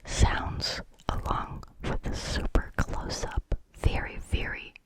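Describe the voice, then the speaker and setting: An ASMR creator talking in a breathy, unvoiced whisper, very close to a highly sensitive microphone, with slow, drawn-out words. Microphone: very close, high-sensitivity microphone.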